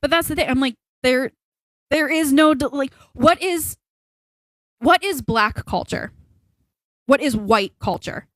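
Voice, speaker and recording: A young woman co-hosting a casual podcast, her voice sitting a little high. She rambles through her opinions and leans hard on her points. The sound is dry and close, with no room echo. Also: unhurried, long pauses, fairly bright tone. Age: young adult. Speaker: podcast co-host. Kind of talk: casual chat.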